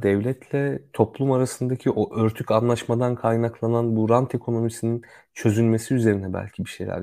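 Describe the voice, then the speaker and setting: A man speaking quietly at night in a calm, slow and hesitant way, as a guest social scientist in a casual online discussion. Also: mid-range voice, gravelly, no room sound.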